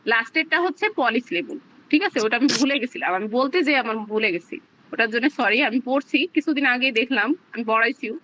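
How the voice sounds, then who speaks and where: A woman's voice: fairly high pitch, fast, pushed and bright, highs cut off. A woman teaching a live online class, explaining step by step with plenty of fillers. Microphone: video call.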